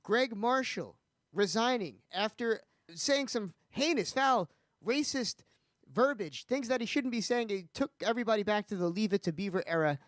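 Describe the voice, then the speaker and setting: Guy with a high-ish voice hosting a radio chat show, dry close mic. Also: animated, moderate pace, fairly bright tone, no echo. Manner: talks smoothly, ends segments with radio-style sign-offs. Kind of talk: casual sports chat.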